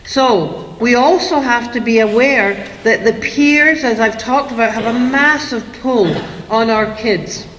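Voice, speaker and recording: Woman speaker, lively lecture to a room of parents, big echoing hall. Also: on the high side, unhurried, few pauses, a little hiss or hum. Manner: lively, acts out parents and kids in quotes. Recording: echoey hall, long reverb.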